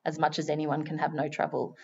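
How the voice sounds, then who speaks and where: A woman giving chatty live commentary on a wildlife stream, now and then breaking into excited exclamations. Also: low voice, fast talker, gravelly, breathy edge, highs cut off.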